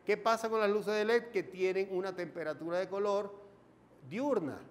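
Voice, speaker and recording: A film teacher with a Venezuelan accent talks through a lesson in a chatty way, often asking and answering his own questions. His voice sits a little high for a man. The sound carries a long reverb, with a faint background hum underneath. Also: moderate pace. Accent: Venezuelan Spanish. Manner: chatty, explanatory, asks himself questions. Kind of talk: informal video lesson. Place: home studio in front of a green screen.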